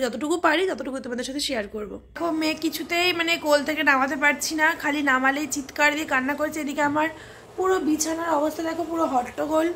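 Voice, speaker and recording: A young new mother with a high voice chats casually to the camera in a home vlog, recorded with slight hiss or hum at her family home by a river. She drops to a hush while her baby sleeps.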